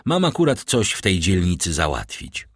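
A man's voice: sits low, wildly swooping pitch, normal speed, breathy edge, no echo, studio quality, heavily acted. A man reading the part of an earnest, lovestruck young army captain. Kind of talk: audiobook character reading.

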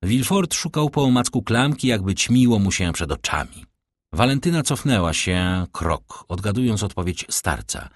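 A male audiobook narrator reads a classic novel in a measured, dramatic way. His voice is low and husky. The recording is dry and close to the mic. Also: big pitch swings, dry recording.

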